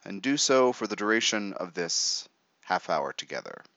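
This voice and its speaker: A man guiding a meditation in a measured, instructive way, pausing between short phrases. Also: fairly low pitch, big pitch swings, bright, forceful tone, no echo, highs cut off. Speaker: meditation guide. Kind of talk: guided meditation.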